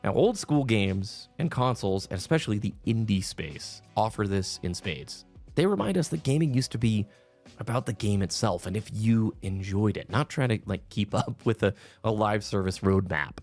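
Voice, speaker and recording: A man's voice: lowish voice, lively intonation, moderate pace, a little mellow. A man giving earnest, reflective opinion commentary to viewers, speaking with emphasis. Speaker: video game commentator. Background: background music.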